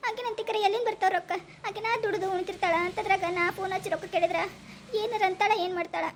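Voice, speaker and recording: A woman's voice: very high voice, steady tone, quick pace, background noise. A woman with a North Karnataka Kannada accent playing a poor young village daughter-in-law who frets and deflects questions. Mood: worried. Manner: fretful, hesitant talk, deflecting questions. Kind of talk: village comedy skit acting.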